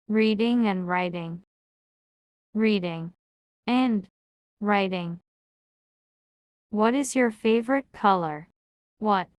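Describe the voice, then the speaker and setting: A woman teaching English, reading each question and answer, then repeating it word by word with long pauses. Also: mid-range voice, clean tone, no echo, studio quality. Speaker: language teacher. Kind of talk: slow word-by-word English drill.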